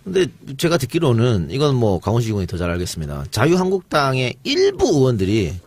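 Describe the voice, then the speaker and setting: Quick male talk show host, husky, voice jumps around a lot, pushes the guest. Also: mid-range voice, huge pitch swings, a little mellow, dry recording. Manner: prodding, asks for examples. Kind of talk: casual panel chat.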